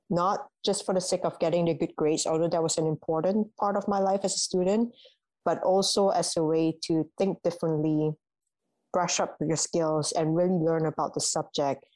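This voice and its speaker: A young woman from Malaysia, a university alumna answering interview questions in a measured, thoughtful way, with ums and restarts. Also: fairly low pitch, a little mellow, no room sound, poor audio. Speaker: guest, alumna.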